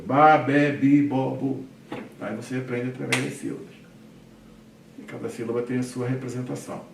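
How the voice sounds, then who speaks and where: A man teaches a Hebrew reading lesson, explaining step by step and often checking in with his students. He sounds set back from the microphone in a roomy space with a faint hum behind him. He drills syllables slowly and loudly. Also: medium pitch, recorded from a distance. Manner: explains patiently, checks in with frequent "tá?" and "né?". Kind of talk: recorded language lesson. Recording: roomy echo, voice off-mic, faint background hum.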